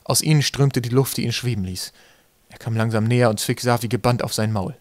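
A man's voice: mid-range voice, fairly quick, no echo. Dry, close male audiobook narrator. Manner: calm, steady storytelling. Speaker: audiobook reader. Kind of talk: scripted narration.

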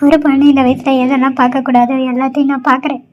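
A sad, despairing young woman in a homemade cartoon, voiced by a woman. Her voice is high and she speaks sorrowfully. The recording sounds dull and lo-fi. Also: flat delivery, quick pace, a little mellow, close to an everyday voice. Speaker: cartoon character.

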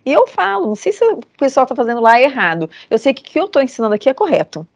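Speaking quickly in a high, very animated voice with no echo, a Brazilian woman in her forties lectures students over a video call. Her motivational message is earnest and emphatic, and she repeats phrases to sound convincing.

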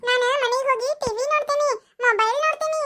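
A stubborn little cartoon schoolgirl, voiced by a woman, whines and pleads in a North Karnataka Kannada accent. Her voice is very high and bright, and she rattles along at a brisk pace. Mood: whiny. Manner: whiny, pleading, sing-song listing. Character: stubborn little schoolgirl who hates class. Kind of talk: cartoon voice acting.

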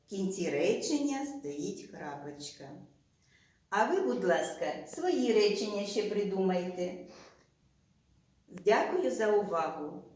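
A woman teacher with a Ukrainian accent leading a slow, deliberate reading lesson for young children, drawing out each sound and word. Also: mid-range voice, animated, darkish tone, very echoey, recorded from a distance. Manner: slow and drawn-out, stretching out sounds and words. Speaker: primary school teacher.

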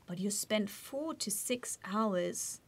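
A woman's voice: medium pitch, lively intonation, slow pace. A woman co-hosting a casual chat interview in a studio, reacting readily and repeating her words. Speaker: co-host, interviewer. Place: small radio studio, indoors. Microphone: desk gooseneck microphone.

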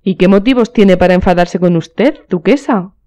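A charming young gentleman from a storybook, answering lightly and easily, as a woman narrator reads him. The tone is dark and mellow at a middle pitch. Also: normal speed, close to an everyday voice. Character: charming young male aristocrat.

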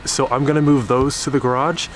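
A man's voice: medium pitch, little pitch movement, fairly quick, roomy sound, slight background noise, poor audio. Upbeat young man touring a renovation. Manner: upbeat, chatty, with frequent fillers. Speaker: home renovation vlogger. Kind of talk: casual walkthrough vlog. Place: house under renovation and its yard, indoors and outdoors. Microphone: handheld camera held at arm's length.

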